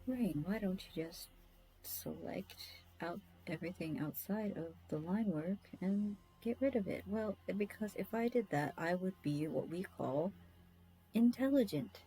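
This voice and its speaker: A woman's voice: fairly low pitch, unhurried, dark tone, a little hiss or hum, low-quality recording. A woman chatting casually while she draws, rambling, scattered and self-deprecating, often muttering to herself. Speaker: artist streaming a drawing session.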